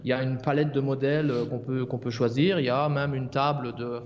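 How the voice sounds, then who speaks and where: A man talking in a relaxed, joking way as a regular guest on a casual podcast, often halting with fillers. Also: mid-range voice. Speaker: regular columnist. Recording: dull lo-fi sound with long reverb.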